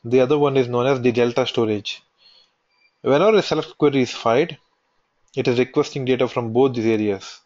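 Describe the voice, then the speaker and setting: A man teaching a software tutorial, walking through a screen recording step by step and restating each point as he goes. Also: medium pitch, brisk. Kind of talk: screen-recorded technical walkthrough. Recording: dull lo-fi voice recording.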